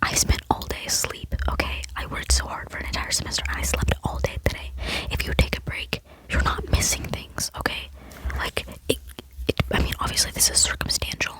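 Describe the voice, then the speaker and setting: An ASMR vlogger, a woman in her late teens, whispers an earnest, rambling chat into a close microphone. Her delivery is brisk and the audio quality is poor.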